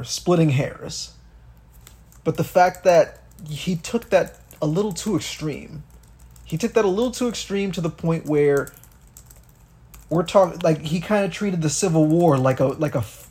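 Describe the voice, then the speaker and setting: A young man with a fairly high yet dark, mellow voice talks politics on a podcast. He rants casually and swears freely, often restarting his sentences as he thinks aloud. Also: breathy edge. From Miami, Florida. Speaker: podcast co-host.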